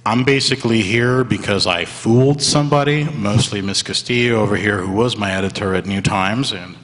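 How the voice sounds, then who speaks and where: A man's voice: lowish voice, normal speed, fairly bright tone. A man in his thirties from Venezuela, speaking as a panelist with a wry, irreverent storytelling manner. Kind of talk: live panel talk. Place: museum event hall before an audience. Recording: live hall reverb.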